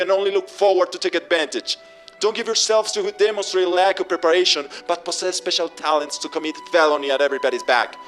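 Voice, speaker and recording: A man acting a fervent orator in ranting speech. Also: high voice. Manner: forceful, loud, exhorting oratory. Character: fervent male orator rallying the masses. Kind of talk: impassioned ranting political speech. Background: music.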